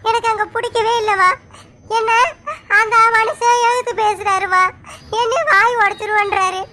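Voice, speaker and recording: A woman's voice: extremely high pitch, fairly even intonation, normal speed, sharp tone, slight background noise. A woman as an indignant young daughter-in-law. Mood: complaining. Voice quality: complaining, indignant. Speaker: actor. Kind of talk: Tamil family drama acting.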